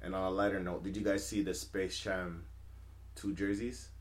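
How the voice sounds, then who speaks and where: Very low-voiced man in slangy chat. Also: flat delivery, moderate pace. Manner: slangy, informal. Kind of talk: casual chat.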